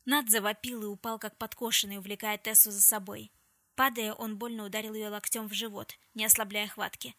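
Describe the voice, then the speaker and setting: Bright-voiced woman reading a novel. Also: mid-range voice, little pitch movement, fairly quick, no room sound. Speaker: audiobook reader. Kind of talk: scripted narration.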